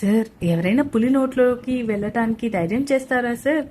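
An innocent, cheeky young schoolgirl student, chatty and artless, as a woman storyteller puts her on. She pitches up and brightens her voice for the character. It is a storybook reading. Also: brisk, a little hiss or hum, lightly acted.

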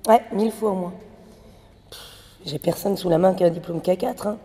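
A woman's voice: lowish voice, a little fast, mellow, slightly rough, in a large hall. A woman playing a worried assistant director on a film set. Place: large warehouse film set.

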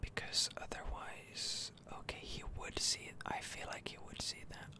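This is close-mic whispered ASMR commentary from a gamer, who muses over the gameplay without hurrying and with some hesitation.

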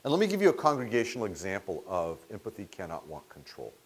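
A middle-aged man lectures a small group in a meeting room, picked up from a distance. His pitch rises and falls a great deal as he tells stories. He talks casually and sometimes breaks off a word to start it again. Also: fast, slightly rough. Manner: conversational, animated, restarts mid-word. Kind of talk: storytelling seminar lecture.

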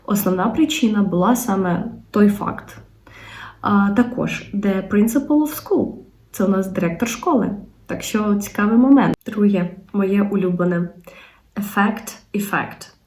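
A young woman English teacher with a Ukrainian accent goes through word pairs patiently, stopping often on little filler sounds. Her voice is mellow and dark, and it carries a roomy echo. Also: medium pitch, moderate pace. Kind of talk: explaining English vocabulary in Ukrainian. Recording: echoey room.

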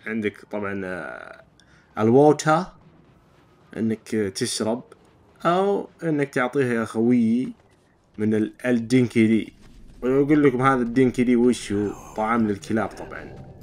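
A man's voice: medium pitch, lively intonation, normal speed, a little mellow. A man giving casual let's-play commentary and explaining each step to his viewers. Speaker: gamer.

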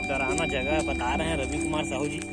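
Young male vlogger, high-pitched, playful and chatty, recorded outdoors on a camera held at arm's length over loud music. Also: little pitch movement, fairly quick. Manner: chatty, addresses viewers as guys, playful boasting. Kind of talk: casual travel vlog. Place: outdoors, rural roads and temple grounds. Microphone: handheld camera at arm's length. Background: loud background music.

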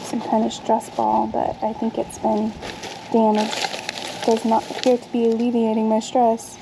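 A woman in her thirties chats casually to camera on a backyard patio, thinking aloud as she sorts the things she found in a dumpster. Her slightly high, gravelly voice is completely flat and a little slow, with background noise around her.

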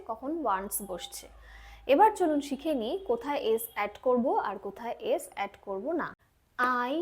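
High-voiced woman teaching English patiently. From Bengal. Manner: patient, slows right down to repeat English example sentences. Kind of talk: spoken English lesson in Bengali.

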